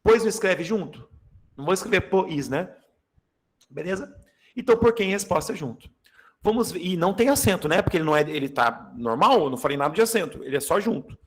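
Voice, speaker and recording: Animated high-voiced Brazilian teacher. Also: male voice, quick pace, breathy edge. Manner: animated, jokey, addresses class directly. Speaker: Portuguese teacher. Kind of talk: lively exam-prep class. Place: classroom.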